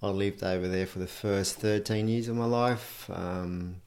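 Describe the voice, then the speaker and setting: A man's voice: sits low, steady tone, measured pace, darkish tone. A man in his forties from Chile, a former player and coach, chatting casually as a guest in his own home. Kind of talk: casual interview answers.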